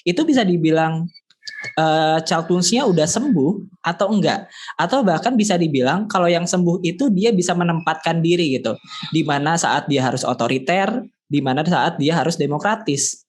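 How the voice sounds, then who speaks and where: Male podcast host, easygoing interviewer, somewhat high pitch, thinks aloud. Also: moderate pace. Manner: relaxed, thinks aloud with fillers while framing questions. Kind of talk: casual interview chat.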